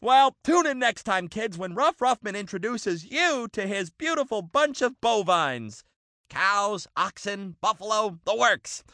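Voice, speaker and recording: A man voicing an excitable male dog who hosts a bird show, hammy and quick to lose his temper. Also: sits high, no room sound, clean studio sound, heavily acted. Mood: showy. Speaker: show host. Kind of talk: cartoon voice acting.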